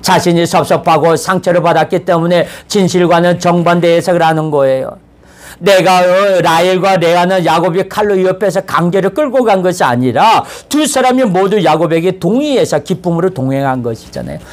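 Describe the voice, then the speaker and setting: Pastor guy preaching, pretty high voice, chatty, acts out the story bits. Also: expressive, brisk. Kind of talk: sermon.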